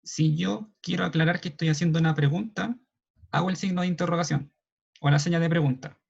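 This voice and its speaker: A man with a Chilean Spanish accent explaining signs in an online class, checking in often with a quick questioning "ya". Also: a little high, creaky, slightly rough. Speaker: sign language class moderator. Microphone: video call. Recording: dull lo-fi video call audio.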